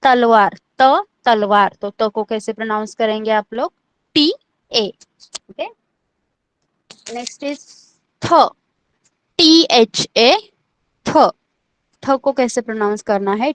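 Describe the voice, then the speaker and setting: A woman's voice: fairly high pitch, a little slow. A woman teaching an online language class, patiently repeating each letter and checking that everyone understands.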